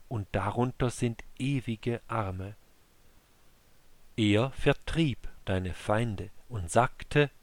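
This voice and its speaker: A man reads scripture as an audiobook narrator, in an unhurried, solemn recitation. His pitch sits in an ordinary middle range, and he takes his time over each phrase. The sound is close and dry, with no room around it. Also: darkish tone, dry recording. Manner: slow, measured, solemn recitation.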